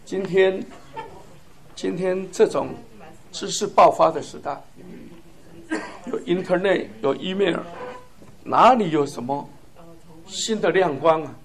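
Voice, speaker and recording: A man's voice: sits high, slow pace, pauses often. Fervent man preaching with chuckles. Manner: fervent, chuckling, emphatic lists. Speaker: church speaker. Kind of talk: sermon testimony.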